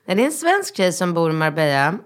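A woman in her thirties, a mother, chatting casually and telling a lively story, acting out the voices in it. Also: lowish voice. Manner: lively storytelling with acted-out dialogue. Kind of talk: casual chat.

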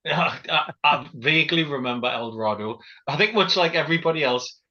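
A man trades casual, teasing banter as a podcast co-host and swears freely. His voice sits a little high, with a bright, forceful edge. The recording sounds dull and lo-fi. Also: animated, brisk. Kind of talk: casual chat.

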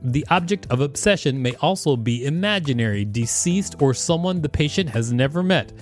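Over faint background music, this male podcast co-host reads an article at normal speed in a fairly high voice. He keeps interrupting himself with lively, joking asides.

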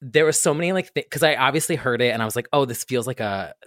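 A man's voice: medium pitch, expressive, fast, a bit bright, no room sound, studio quality. A man who produced a remix, eagerly telling how he made it and acting out his own past thoughts. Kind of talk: casual interview chat.

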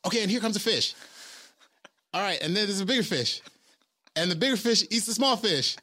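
A man voicing a male assistant director who yells out cues on a film set in a loud, high, rushed way. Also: expressive, full character voice. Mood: yelling.

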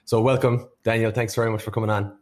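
A man's voice: fairly low pitch, little pitch movement, quick pace, darkish tone. A man hosting a podcast in a casual, informal and self-deprecating way. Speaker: podcast host. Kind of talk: casual chat.

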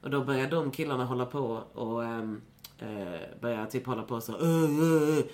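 A woman's voice: extremely low pitch, steady tone. A young woman in casual chat as a podcast guest, rambling with many fillers and swearing freely.

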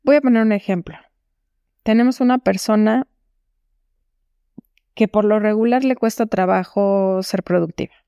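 A woman hosts a solo advice podcast, talking calmly and straight to the listener. Her voice is mellow and warm. The recording is dry and close, with no room sound. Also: mid-range voice, normal speed, long pauses, clear, resonant tone, dry recording, dull audio. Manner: calm, explanatory, speaks directly to the listener. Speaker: podcast host.

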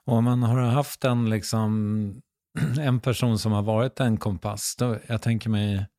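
An interviewer asking gentle, hesitant questions with fillers. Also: mid-range voice, fairly even intonation, no room sound, clean studio sound.

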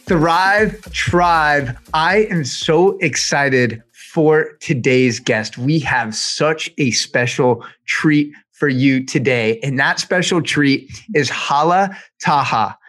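Energetic man hosting a podcast. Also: a little high, takes it slowly, few pauses. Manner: energetic, motivational. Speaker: podcast host. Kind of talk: podcast intro and interview.

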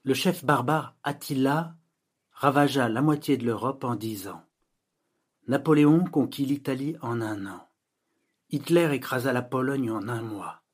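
Casting: male audiobook narrator, husky timbre, even and measured. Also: medium pitch.

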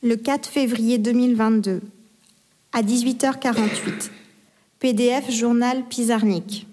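A woman reading out email dates and subject lines in a flat, matter-of-fact way. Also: a little high, measured pace, noisy background. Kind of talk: announcing email headers.

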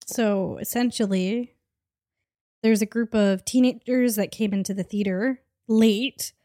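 Podcast co-host, female, recovering from illness, even mid pitch, dry close sound. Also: measured pace, no room sound. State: getting over an illness. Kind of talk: casual chat.

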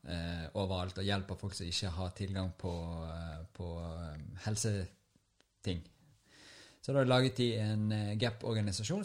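A man hosting a casual chat, speaking hesitantly with many filler sounds. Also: low voice. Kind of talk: casual conversation.

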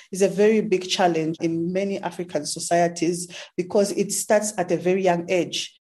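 Answering an interviewer's questions in a conversational way, a Zambian-accented woman in her thirties speaks with a warm, medium-pitched voice. She is an astrophysics researcher appearing as a guest.

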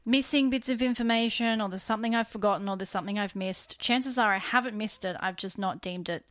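A woman with a creaky, fry-heavy voice talks casually as a podcast co-host. Her delivery is laid-back and mellow, never peppy. The sound is dry and close, with no room around it. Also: fast talker, no room sound. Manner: mellow, low-key and relaxed. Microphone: desk microphone.

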